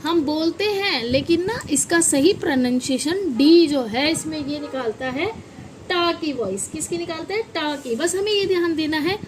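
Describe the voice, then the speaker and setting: A woman gives an English pronunciation lesson in a high, bright voice. She drills each example, then turns to her listeners with "what do we say?" Faint background noise sits under the recording. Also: lively intonation, normal speed, poor audio. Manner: repeats words and quizzes viewers with questions. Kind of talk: classroom-style lesson with repeated examples.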